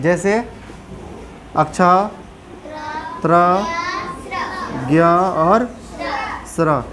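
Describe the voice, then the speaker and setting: A woman's voice: mid-range voice, slight background noise. A woman teacher with a Bihari Hindi accent, giving a classroom grammar lesson and often asking the pupils questions to check they follow.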